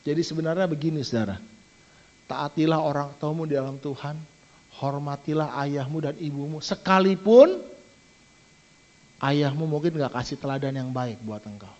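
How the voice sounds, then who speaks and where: High-voiced preaching man, lo-fi. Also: a little fast. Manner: lively preaching, often adds "saudara". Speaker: pastor. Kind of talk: sermon. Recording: dull lo-fi church stream.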